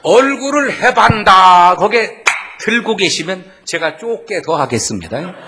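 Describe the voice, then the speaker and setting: Middle-aged male revival preacher, thick Jeolla accent, high and bright, folksy humor with loud exclamations. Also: a little hiss or hum. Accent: Jeolla Korean. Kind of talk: sermon with jokes.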